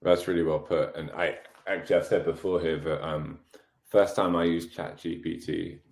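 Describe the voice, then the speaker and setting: A man's voice: sits low, fairly even intonation, moderate pace, vocal fry, a little mellow. A man hosting a podcast, friendly and enthusiastic as he talks with his guest. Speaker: podcast host. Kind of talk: casual podcast interview. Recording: roomy echo.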